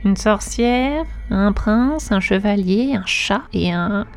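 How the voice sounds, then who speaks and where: A woman's voice: medium pitch, takes it slowly. A woman voicing a boy turned into a frail old man, with a trembling, mumbling voice in a told story. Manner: mumbling, complaining.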